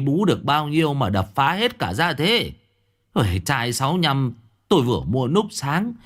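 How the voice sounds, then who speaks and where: A man's voice: fairly high pitch, pitched above the performer's own voice. A man voicing a rowdy, nagging drunken village neighbor in a spoken ghost story. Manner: loud, nagging, slurring banter.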